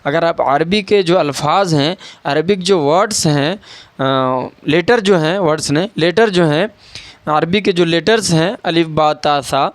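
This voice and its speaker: High, clear-voiced man teaching Qaida reading. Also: dry recording. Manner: patient, spells letters out slowly and repeats. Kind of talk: online Qaida reading lesson.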